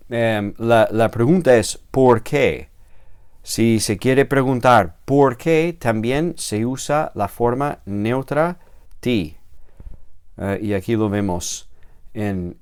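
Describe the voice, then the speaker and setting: A man's voice: fairly low pitch, darkish tone. A man teaching a recorded grammar lesson, patient and explanatory, repeating key words and checking with "¿vale?".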